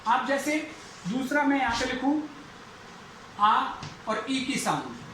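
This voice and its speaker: A male English lecturer giving a phonetics lesson for exam students, who repeats each example word slowly several times. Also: very high voice, sing-song, fairly bright tone. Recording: echoey room, faint background noise.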